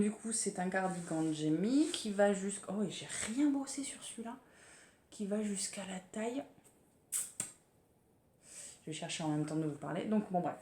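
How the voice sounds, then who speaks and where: A woman's voice: medium pitch, mellow. A French woman talking casually about her sewing projects, hesitant and full of fillers. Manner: chatty, hesitant, many fillers and restarts. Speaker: sewing vlogger. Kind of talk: casual sewing podcast chat. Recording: echoey room with faint ambience.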